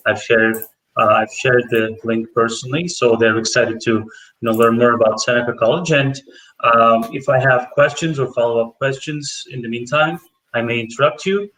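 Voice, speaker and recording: A man's voice: mid-range voice, steady tone, normal speed, pushed and bright. A man hosting a live webinar as program manager, friendly and hesitant, with many fillers. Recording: roomy distant webinar audio.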